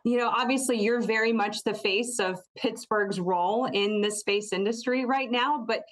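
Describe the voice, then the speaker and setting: A woman's voice: fairly high pitch, normal speed. An American woman conducting a conversational broadcast interview as a local TV journalist.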